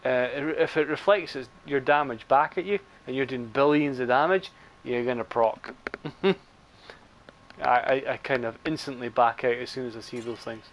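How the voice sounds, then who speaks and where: A man's voice: medium pitch, moderate pace, rough recording. A man giving rambling, chatty live commentary on his game stream, with dry sarcastic asides.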